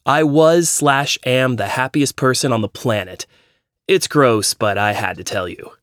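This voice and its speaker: Male narrator voices an eager young guy, casual and jokey, plain mid-pitched voice, dry close sound. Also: a little slow, a bit bright, dry recording, lightly acted. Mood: excited. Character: excited young man sharing good news.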